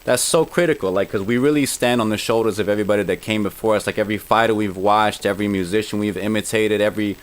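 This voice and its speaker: A man's voice: lowish voice, quick pace, hardly any pauses. A man interviewing a guest in casual chat, reflective and earnest, with a lot of "like" in his phrasing.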